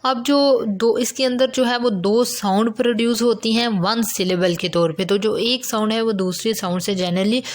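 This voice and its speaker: A woman's voice: a little high, normal speed, hardly any pauses. Woman explaining phonetics in Urdu. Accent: Pakistani. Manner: explanatory, mixes English terms into Urdu. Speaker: teacher. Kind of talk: lecture on English phonetics.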